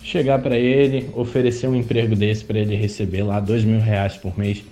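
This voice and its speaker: A man's voice: on the low side, little pitch movement, moderate pace, warm tone, soft background music. A man from Brazil, a podcast host, telling a personal story in a chatty, indignant way. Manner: chatty, indignant, many fillers. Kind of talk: casual storytelling monologue.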